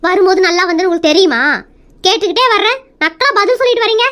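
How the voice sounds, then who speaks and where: High-pitched nagging woman. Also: animated, racing, a bit bright. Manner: nagging, sarcastic complaining. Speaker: comic sketch actor playing a wife. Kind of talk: comedy sketch dialogue.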